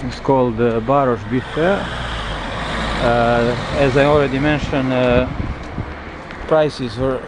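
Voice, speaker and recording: A man who speaks English as a non-native language, guiding a walking city tour in a halting, searching way, outdoors in the wind. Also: mid-range voice, fairly even intonation. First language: not English. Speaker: travel vlogger, tour guide. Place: outdoors on windy city streets by a river. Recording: loud wind and street noise, outdoors.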